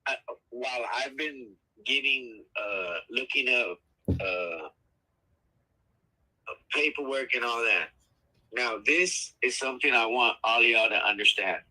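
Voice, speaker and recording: A man calling in as a guest, heard over a speakerphone, talking in a halting way with many fillers and restarts. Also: mid-range voice, animated, sharp tone, breathy edge, low-quality recording. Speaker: phone-in guest. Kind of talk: casual livestream chat.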